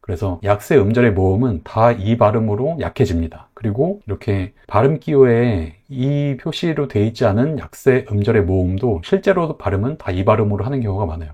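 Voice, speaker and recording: A man's voice: lowish voice, dark tone, breathy edge. A man teaching English pronunciation, explaining patiently and step by step. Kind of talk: explanatory lesson.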